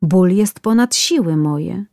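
A whining, complaining man who cannot stand the pain of the needle, as a woman puts him on. The voice sits fairly low and unhurried, with a dry, close sound. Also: expressive, gravelly, mellow, no room sound, full character voice. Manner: complaining, pleading. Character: whining man getting tattooed, fearful of pain.

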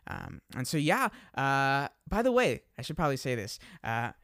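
A man's voice: mid-range voice, wildly swooping pitch, normal speed, creaky, a bit bright, no echo, clean studio sound. A young adult man hosting a casual podcast. He talks in an easygoing way, laughs at himself and uses lots of fillers. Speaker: podcast host. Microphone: desk microphone.

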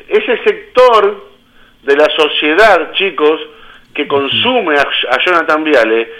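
Argentine man, radio guest, bright forceful voice, indignant, repeats himself, slightly high pitch. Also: low-quality recording. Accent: Argentine Spanish. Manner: indignant, repeats himself, voices his own quoted confrontations. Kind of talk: heated radio interview.

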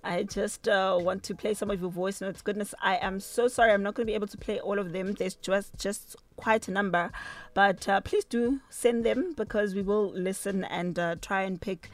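A South African woman with a Zulu accent, hosting a radio interview in casual talk that switches between languages. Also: mid-range voice. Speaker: radio host.

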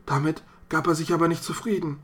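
A narrator voicing a grieving, guilty old father who speaks slowly and solemnly. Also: medium pitch, steady tone, lightly acted. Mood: grave.

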